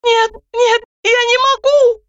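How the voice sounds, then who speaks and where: A woman voicing a frightened young pregnant woman who pleads in a high, panicky voice, on a dull lo-fi recording. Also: level tone, slow, fairly bright tone, exaggerated voice. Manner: shrill, panicky, lisping out protests.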